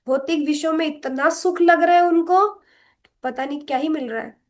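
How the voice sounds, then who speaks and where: Earnest woman teacher with a high voice, lecturing on scripture and chanting verses slowly. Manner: earnest, explanatory, asks rhetorical questions. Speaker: spiritual teacher.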